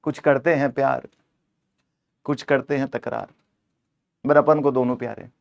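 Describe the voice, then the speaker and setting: A man's voice: mid-range voice, steady tone, a little slow, gravelly, dull audio. A man teaching an exam-prep accounting lesson, playfully scolding the answer options and switching between Hindi and English.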